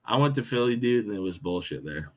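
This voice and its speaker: A man co-hosting a casual sports podcast, joking and swearing, quick to take back his own digs. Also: on the low side, expressive, darkish tone. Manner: joking, profane, backpedaling banter. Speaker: podcast co-host.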